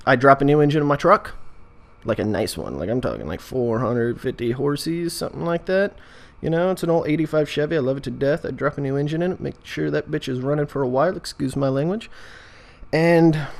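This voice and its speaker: With a mid-range, darkish voice, an American man chats casually as a video host. He rambles jokily, wanders off topic and keeps cutting himself off in this vlog.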